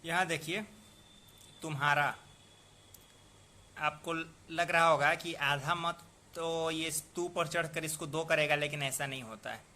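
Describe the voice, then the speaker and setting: A man with a somewhat high, very bright and forceful voice explains poetic meter step by step. He talks patiently, repeating words aloud and drawing out syllables so learners can hear them. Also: steady tone, measured pace, pauses often. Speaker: poetry meter teacher. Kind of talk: explanatory lesson.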